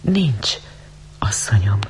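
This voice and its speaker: A timid, shivering young woman, voiced by a woman, pleads in a low, hushed, stammering voice. She sounds cold and frightened in this storybook reading, with a faint hiss of noise beneath her words. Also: very animated. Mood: timid pleading.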